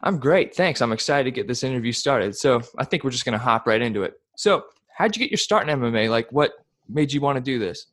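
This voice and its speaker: A male host runs a casual interview in a mid-range voice. He keeps it upbeat and relaxed. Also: medium pitch, quick pace. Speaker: podcast host.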